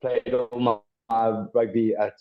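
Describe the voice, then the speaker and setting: A South African former rugby player in his twenties recounts his past as a guest in a casual podcast interview. His low voice shows little pitch movement and a measured pace, heard through a dull, muffled lo-fi recording, and he hesitates often with ums and restarts.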